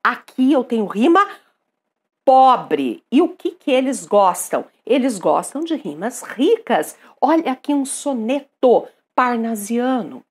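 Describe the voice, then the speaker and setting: A Brazilian woman teaching a literature lesson, emphatic and lively, often checking in with her listeners and reading poems aloud. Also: fairly high pitch, slow, husky. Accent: Brazilian Portuguese.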